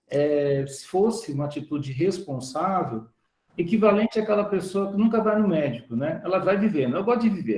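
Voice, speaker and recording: A man speaking over a video call in a slightly higher-than-usual voice, and the sound carries some room echo. He talks casually as a guest professor and tells stories in which he voices the people he quotes. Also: a little mellow. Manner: storytelling that acts out quoted voices. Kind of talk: conversational talk in an online live session.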